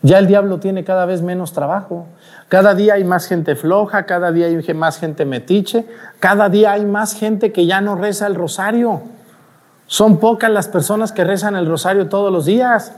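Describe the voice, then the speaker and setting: Animated priest preaching at mass. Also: male voice, high-pitched, moderate pace. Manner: animated, asks the congregation rhetorical questions. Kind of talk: sermon at mass.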